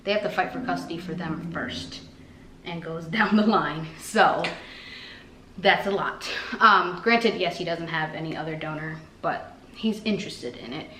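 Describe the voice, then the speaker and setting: A woman vlogger with a fairly low, bright and forceful voice chats casually at a moderate pace, rambling with many fillers while sounding out of breath. The room is echoey, with faint noise.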